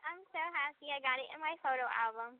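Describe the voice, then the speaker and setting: A woman's voice: high-pitched, quick pace, dry recording. A woman inmate calling out on a prison phone line, chatting casually and telling stories with frequent ums. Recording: tinny phone-line audio.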